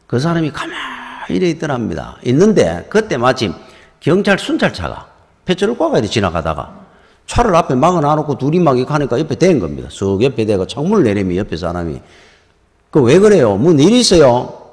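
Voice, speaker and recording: A middle-aged man with a Gyeongsang accent, a pastor telling stories in a conversational sermon in a church. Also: medium pitch. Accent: Gyeongsang Korean. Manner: storytelling, conversational and lively. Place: church sanctuary. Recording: reverberant church hall.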